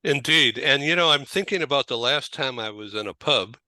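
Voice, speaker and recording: Bright-voiced American man hosting. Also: mid-range voice, expressive, a little fast, no room sound. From United States. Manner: chatty, many fillers and restarts. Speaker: talk show host. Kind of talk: casual interview chat.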